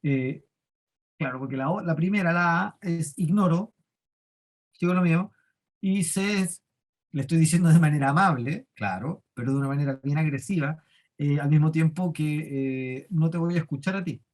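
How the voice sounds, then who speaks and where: A man's voice: on the high side, moderate pace. A man with a Chilean accent teaches a leadership class. He explains step by step and keeps putting questions to the class. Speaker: workshop teacher.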